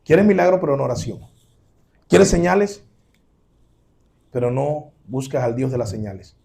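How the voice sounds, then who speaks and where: A pastor preaches to his congregation, calling them brothers and posing rhetorical questions while swinging between loud, emphatic exclamations and quiet, low asides. His creaky voice has lively intonation at a moderate pace.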